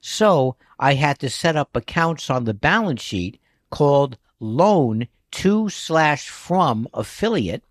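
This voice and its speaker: Lively-voiced male bookkeeping podcast host. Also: mid-range voice, no room sound, studio quality. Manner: chatty, prone to digressions. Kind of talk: scripted podcast monologue.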